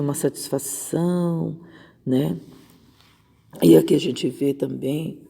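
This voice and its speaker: A woman's voice: low-pitched, gravelly, dark tone, husky, big-room sound. A woman missionary preaching an informal devotional on a Bible verse, conversational and often checking in with her listeners. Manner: conversational, keeps asking "né?".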